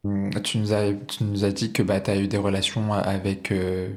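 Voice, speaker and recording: A man hosting a podcast, reading a smooth opening and then asking questions with halting fillers. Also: on the low side, level tone. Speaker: podcast host. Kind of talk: scripted intro, then casual interview.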